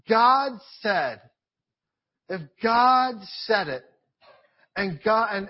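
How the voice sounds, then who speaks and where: A man with a somewhat high, husky voice preaches to his congregation, repeating phrases and asking rhetorical questions. The church recording sounds a little dull and lo-fi. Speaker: pastor. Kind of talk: sermon.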